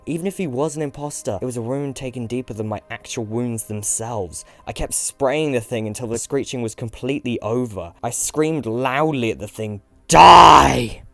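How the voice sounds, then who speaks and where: A man telling a first-person horror story in a dramatic way, swinging from hushed mumbling to loud shouts. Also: mid-range voice, normal speed, few pauses. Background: faint music.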